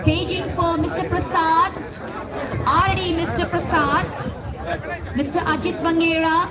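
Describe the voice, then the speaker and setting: A woman announcer making calm, measured paging calls over a loudspeaker at a sports ground, repeating names. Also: extremely high pitch. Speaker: tournament announcer and commentator. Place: outdoor cricket tournament ground. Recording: echoey, distant, loud crowd around.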